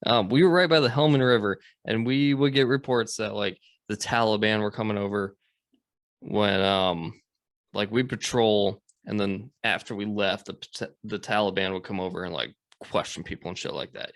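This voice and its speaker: Relaxed, profane man telling a war story. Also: lowish voice, normal speed, no room sound, clean studio sound. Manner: rambling, profane, lots of fillers. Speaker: podcast host. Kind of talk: casual chat, storytelling.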